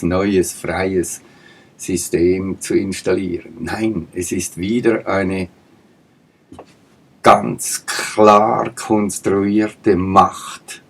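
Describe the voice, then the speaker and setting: A man's voice: low voice, darkish tone, husky. A man giving an emphatic political monologue, asking pointed rhetorical questions and repeating his points. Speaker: political commentator.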